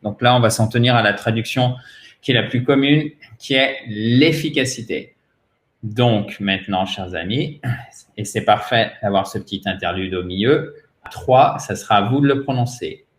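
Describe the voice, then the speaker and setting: A man who is a native French speaker, with a French accent and a voice on the low side, gives a pronunciation lesson in English in a reverberant space. He teaches patiently, repeating words slowly so learners can drill them.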